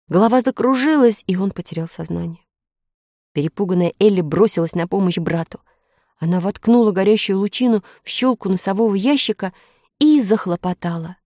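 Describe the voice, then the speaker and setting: A woman reading a children's story aloud, expressive and rising with excitement. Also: mid-range voice, dry recording, clean studio sound. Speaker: narrator.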